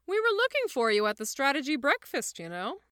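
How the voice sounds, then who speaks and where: Narrator doing a breezy bossy archangel man, lively and bright, dry sound. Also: high-pitched, brisk, no echo, voice pushed up, exaggerated voice. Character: chipper bossy male archangel, oblivious.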